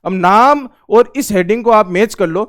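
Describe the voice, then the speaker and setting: A man's voice: sits high, measured pace, fairly bright tone. A man teaching an online Hindi grammar lesson for exam prep, asking the class questions and then answering them himself. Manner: stresses exam questions and tells students to take notes.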